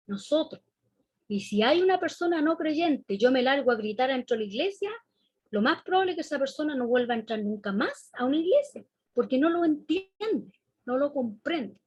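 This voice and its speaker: A woman's voice: high-pitched, darkish tone, dry recording. A woman with a Chilean accent preaching a sermon in a conversational way, often asking the congregation questions. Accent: Chilean Spanish.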